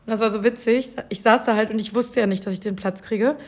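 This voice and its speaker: A young woman in casual chat, telling a story with animated quoted voices and frequent laughter. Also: on the high side, quick pace.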